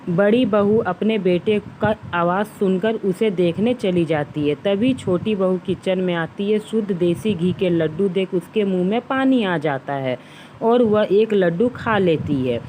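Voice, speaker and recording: A woman storyteller reads out a family tale at an unhurried, measured pace. Her pitch sits in the middle range. The narration is steady and scripted. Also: a little hiss or hum, poor audio.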